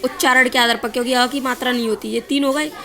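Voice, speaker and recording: A woman with a high voice teaches a grammar lesson for exam students. She poses quick questions and answers them herself, and she stretches out sounds to show how long each one is. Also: fairly even intonation, pushed and bright, faint music behind. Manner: asks and answers her own quiz questions; drags out vowels to show their length.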